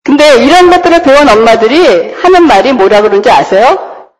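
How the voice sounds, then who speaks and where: Woman pastor, sermon delivery, animated rise and fall, questions the flock. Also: high voice, fairly quick, poor audio. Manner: asks the congregation rhetorical questions.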